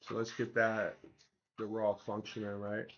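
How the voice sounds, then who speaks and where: A man with a fairly low voice talks to his stream in loose, slangy chat. His throat is sore from swollen tonsils and his voice has not fully returned. The audio is a little dull and lo-fi, as he informally walks viewers through his work. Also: completely flat delivery, measured pace, a bit bright. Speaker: livestream host building an app. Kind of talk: casual livestream chat while working.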